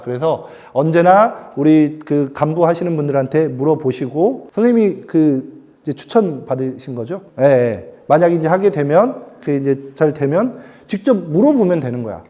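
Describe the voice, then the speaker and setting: A middle-aged man giving a lively lecture to new union members, acting out quoted voices and dialect lines. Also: fairly high pitch. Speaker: union educator.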